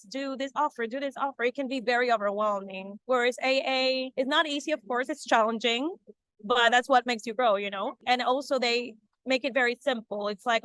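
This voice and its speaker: A woman from Ecuador gives a chatty, casual testimonial interview about her coaching business, with many fillers and restarts. Her voice is fairly high and fairly bright, recorded with no echo.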